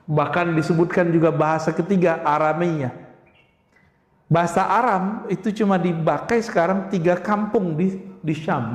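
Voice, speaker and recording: A man delivers an emphatic sermon in a high voice, often throwing rhetorical questions at the congregation. His words ring out in a large hall with a long, roomy reverb. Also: darkish tone. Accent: Indonesian. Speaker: preacher. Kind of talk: religious lecture to a congregation.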